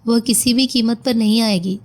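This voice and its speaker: A woman's voice: a little high, fairly even intonation, normal speed, a little mellow, lightly acted. A woman voicing a devoted young sister-in-law who pleads tearfully in a storybook reading.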